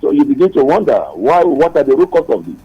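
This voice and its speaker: A man's voice: fairly high pitch, very animated, quick pace, slightly rough. A man calling in to a radio talk show, speaking earnestly and repeating his points, his voice muffled as if heard through a wall over a dull phone line. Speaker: caller.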